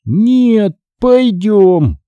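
A man voicing a stubborn undead boy who talks in a slow, whiny, drawn-out way. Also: high voice, animated, dark tone, dry recording, lo-fi sound, pitched above the performer's own voice, exaggerated voice.

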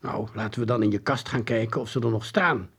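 A man's voice: lowish voice, fairly quick, fairly bright tone, breathy edge. A man voicing a thoughtful schoolboy friend in a children's story, drawling a little. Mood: musing. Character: slow, musing schoolboy friend.

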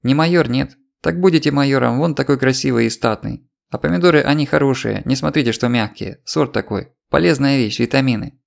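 Here the performer pitches his medium, fry-tinged voice above his own natural register to portray a chattering, scheming female market trader with a Ukrainian accent. She complains in a rapid, tearful, wheedling stream.

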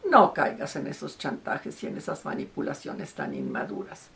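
A woman's voice: low-pitched, huge pitch swings, normal speed, gravelly. A woman, a couples therapist, giving advice in an emphatic way and repeating words for stress. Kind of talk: advice talk to camera.

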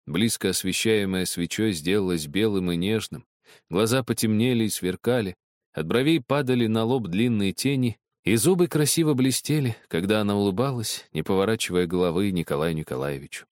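A man narrating literary prose as an audiobook in a measured, expressive way. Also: on the low side, dry recording, clean studio sound.

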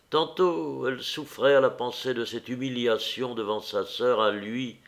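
A man reads a classic novel aloud as an audiobook narrator. His voice sits at a middle pitch, and his reading is measured and unhurried. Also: fairly bright tone. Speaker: audiobook reader.

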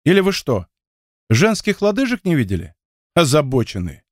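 Brief: man doing a prickly young woman, sarcastic and quick to flare, pitched up. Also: wildly swooping pitch, no echo. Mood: mocking. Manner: snappy, sarcastic. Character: sharp-tongued young woman, quick-tempered.

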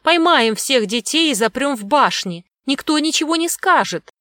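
Woman as a bleating, cowering male underling, high and pleading, dry sound. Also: expressive, normal speed, bright, forceful tone, no echo. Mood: fawning. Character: timid fawning male underling of a prince.

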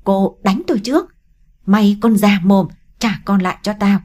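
A woman's voice: medium pitch, big pitch swings, moderate pace, dark tone, husky. A woman voicing a hostile, melodramatic young woman in an audiobook story. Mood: furious. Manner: accusing, melodramatic. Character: hostile, histrionic young woman, scheming and shrill. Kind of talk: audiobook character reading.

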